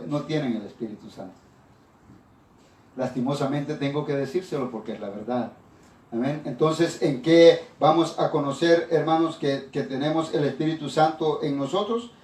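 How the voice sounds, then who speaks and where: Male pastor, sermon delivery, higher-pitched voice, echoey room, mic at a distance. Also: darkish tone. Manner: preaching with repeated "hermanos", frequent restarts.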